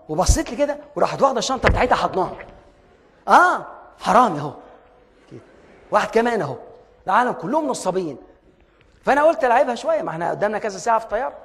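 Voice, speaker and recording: A man's voice: sits high, fairly bright tone. A man with an Egyptian accent giving an emphatic motivational lecture, telling stories energetically. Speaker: motivational speaker. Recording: long hall reverb.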